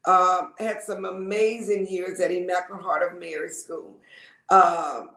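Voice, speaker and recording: A woman's voice: on the low side, level tone, a little slow, fairly bright tone. A woman talks freely as an interview guest. She circles back on her words, doubling them and dropping in ums. Her voice sits in an echoey room. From Lake Charles, Louisiana. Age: 50s. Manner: chatty, repeats words, frequent ums. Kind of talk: casual interview storytelling.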